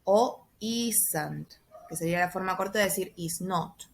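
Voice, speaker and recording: A woman teacher explaining a grammar exercise step by step, patiently, with frequent soft checks for understanding and slowly spelled-out examples. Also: on the low side. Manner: spells out letters and stretches example sentences. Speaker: English teacher. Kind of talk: recorded class explanation.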